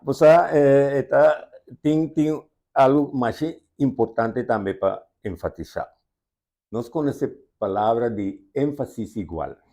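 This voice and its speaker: Slow, mellow-voiced Curaçaoan man explaining. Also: mid-range voice. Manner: patient, explains rules step by step. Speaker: language expert guest. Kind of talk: explanatory interview talk.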